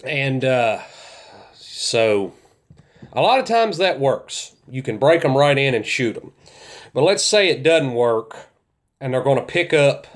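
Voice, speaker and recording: Taking it slowly in a sing-song, medium-pitched voice, a Kentucky duck hunter from the central part of the state gives folksy, plain-talking lessons on calling, drawing on his years outdoors.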